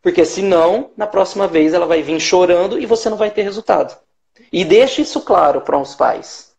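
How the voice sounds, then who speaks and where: High-voiced Brazilian man explaining emphatically. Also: a little fast, creaky, darkish tone. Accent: Brazilian Portuguese. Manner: explanatory, emphatic, acts out short quoted lines. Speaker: hypnotherapist guest. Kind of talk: live-stream interview.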